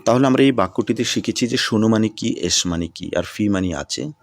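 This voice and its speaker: A man teaching a video language lesson, who repeats phrases slowly and mixes English words into his explanations. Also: fairly low pitch, dry recording.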